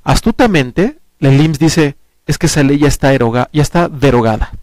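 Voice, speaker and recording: Man in his 40s, Mexican Spanish accent, somewhat high voice, earnest explainer, headset mic, dry studio. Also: moderate pace, no room sound. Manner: earnest, explains at length with lively hand gestures. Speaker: pension advisor guest. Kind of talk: explanatory talk-show chat. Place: small TV studio set, indoors.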